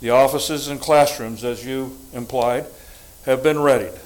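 An older man from the United States giving a prepared, formal statement to a school board, deliberate and emphatic. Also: mid-range voice, steady tone, darkish tone, rough recording. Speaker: public commenter at school board meeting.

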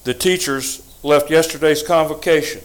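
An older man from the United States giving a prepared, formal statement to a school board, deliberate and emphatic. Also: a little high, low-quality recording. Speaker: public commenter at school board meeting.

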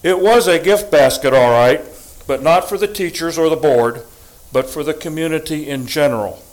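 An older man from the United States giving a prepared, formal statement to a school board, deliberate and emphatic. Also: fairly high pitch, rough recording. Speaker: public commenter at school board meeting.

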